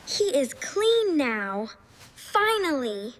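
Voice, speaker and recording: A woman voicing an excitable little girl. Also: high voice, drawn-out words, heavily acted. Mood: busy. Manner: exclaiming, bossy, clearly enunciated. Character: excitable young girl babysitting her baby brother. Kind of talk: slow scripted story for language learners.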